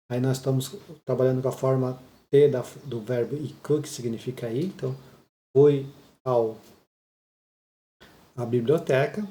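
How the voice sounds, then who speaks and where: A man's voice: mid-range voice, mellow, reverberant. A man explaining a Japanese listening lesson patiently, often checking in with his listeners. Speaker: Japanese teacher.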